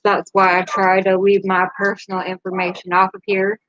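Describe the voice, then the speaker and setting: A woman's voice: medium pitch, completely flat delivery, moderate pace, fairly bright tone, no echo, lo-fi sound. A woman hosting a casual live stream, speaking candidly and rambling a little, with a laugh between her thoughts. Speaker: livestream host.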